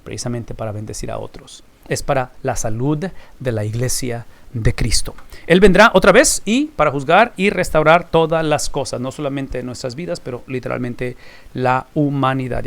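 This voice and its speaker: A man's voice: mid-range voice, fairly bright tone. A man teaching a recorded Bible class, emphatic and fond of rhetorical questions he answers himself.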